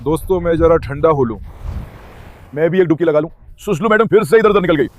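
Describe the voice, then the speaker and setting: A man's voice: on the high side, fairly quick. A man vlogging outdoors at the sea, calling and coaxing his dogs with pet names in an affectionate way. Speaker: dog owner vlogger. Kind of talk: casual vlog talk to pets. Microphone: handheld mic.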